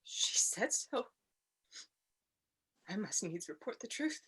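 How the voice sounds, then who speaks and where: A woman's voice: medium pitch, sing-song, takes it slowly, a bit bright. A woman playing a loyal, outspoken maidservant, impassioned and declamatory, in a Shakespearean tragedy reading. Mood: hushed dread. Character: loyal, outspoken, fiery maidservant to a murdered lady. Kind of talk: Shakespearean tragedy cold read.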